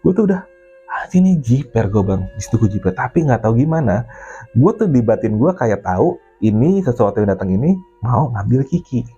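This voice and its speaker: A man with telling a mountain ghost story in casual chat, animated and swearing, acting out the voices of the people in it. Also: medium pitch, fairly quick, husky, dull audio, faint music behind. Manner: animated, acts out his own and others' quoted lines; swears casually, keeps addressing the listener as Bang.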